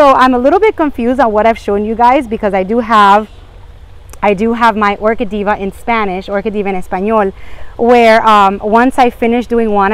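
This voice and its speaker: A woman vlogger chatting casually and a little ramblingly as she shows plants, recorded outdoors on a handheld phone. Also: medium pitch. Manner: chatty, rambling, apologetic asides. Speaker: vlog host. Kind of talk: casual chat while showing garden plants. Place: outdoors in a home garden and patio. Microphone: handheld phone behind the camera.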